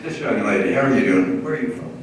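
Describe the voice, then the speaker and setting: A man's voice: mid-range voice, animated, quick pace. A man working as a stage hypnotist, delivering live show patter and teasing his volunteers and audience. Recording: echoey hall, distant mic, noisy.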